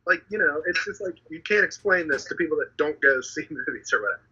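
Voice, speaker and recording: Husky, bright-voiced man telling a story. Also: on the high side, quick pace, dull audio. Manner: animated, exasperated retelling, swears often. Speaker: podcast co-host. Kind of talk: casual storytelling chat.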